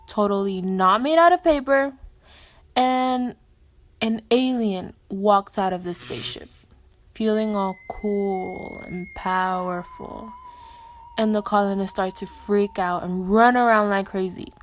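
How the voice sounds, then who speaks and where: A woman's voice: medium pitch, slow pace, a little hiss or hum. A woman narrating a jokey homemade story in a sarcastic, playful way.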